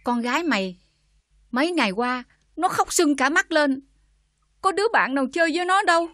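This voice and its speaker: An actress with a Southern Vietnamese accent playing a bitter older mother who scolds her daughter with sharp sarcasm. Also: high-pitched, animated, moderate pace, dry recording. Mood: scornful anger.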